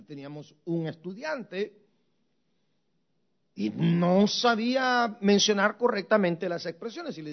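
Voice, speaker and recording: A pastor delivers his sermon in a high, lively voice that rises and falls widely. He builds his points through rhetorical questions and repeated refrains. The recording sounds muffled and lo-fi. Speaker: pastor and seminary teacher.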